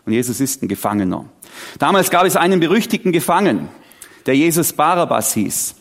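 A man, preaching a sermon with animated, dramatic storytelling and sudden drops to a quiet voice. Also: a little high, brisk. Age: 40s. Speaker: pastor.

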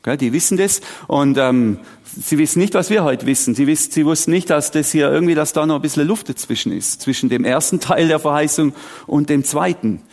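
A man, preaching a sermon with animated, dramatic storytelling and sudden drops to a quiet voice. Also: on the high side, a little fast. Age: 40s. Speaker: pastor.

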